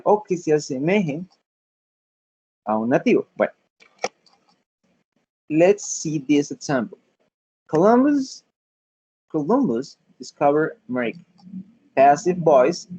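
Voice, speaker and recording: A male teacher walks through a lesson in a patient, step-by-step way, often pausing to check that his students follow. His voice sits a little high but sounds mellow and slightly husky. The recording is dull and lo-fi. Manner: patient step-by-step explaining, frequent check-ins. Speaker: English teacher. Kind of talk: classroom lesson.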